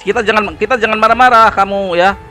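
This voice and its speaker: Brief: male host, combative polemical reaction commentary, a touch high-pitched, soft music underneath. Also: quick pace. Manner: mocking, combative. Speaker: channel host.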